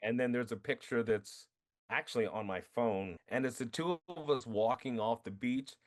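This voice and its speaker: A man being interviewed about his film, telling animated stories, acting out quotes and laughing often. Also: medium pitch, normal speed. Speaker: filmmaker guest. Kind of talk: casual interview storytelling.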